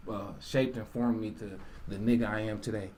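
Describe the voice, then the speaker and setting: A man from Jamaica, a rapper, talking casually in an interview, relaxed and rambling with many asides. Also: lowish voice, normal speed, a little hiss or hum. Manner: relaxed, rambling, with frequent "you know" asides.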